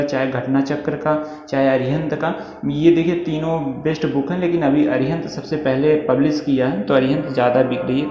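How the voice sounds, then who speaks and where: A man with a higher, dark-toned voice reads through a syllabus in an informal lesson, like an online coaching teacher explaining exam material. He is reassuring and repeatedly checks in with listeners, in an echoey room with muffled sound and faint noise.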